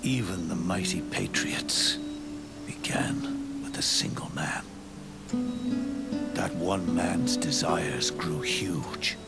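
An older male actor exaggerates his voice to play a weary, scarred old soldier in a video game cutscene, set against orchestral music. Grave and reflective yet regretful and resolute, he delivers his lines slowly, haltingly and solemnly in a deep, gravelly, breathy growl.

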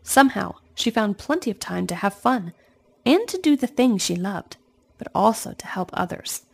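A woman reading a children's storybook aloud in an expressive storytelling manner, speaking to young listeners. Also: medium pitch, moderate pace, gravelly, husky. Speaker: storybook reader.

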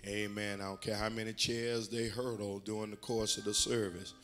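A man's voice: on the low side, little pitch movement, moderate pace, a bit bright, soft background music. An older man preaching a sermon as bishop in a church, folksy and full of amens, building to emphatic exhortation. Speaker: bishop and pastor. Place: church sanctuary.

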